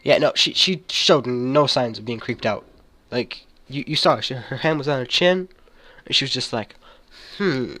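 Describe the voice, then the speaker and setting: A man's voice: mid-range voice, a bit bright. Rambling man with a cold, gaming. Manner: rambling, jokey. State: has a cold. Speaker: gaming video host. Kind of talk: casual game commentary.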